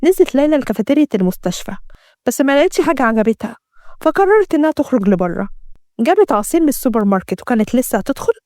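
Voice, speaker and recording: Egyptian lady narrating a story, super quick, dry close sound. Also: on the high side, a little mellow, no echo. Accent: Egyptian Arabic. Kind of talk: scripted narration.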